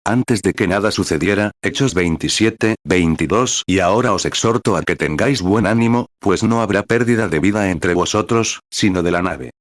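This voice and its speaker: Deep-voiced man reading a sermon. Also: normal speed, hardly any pauses, no echo, studio quality. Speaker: sermon reader. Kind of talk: read sermon translation with verse numbers.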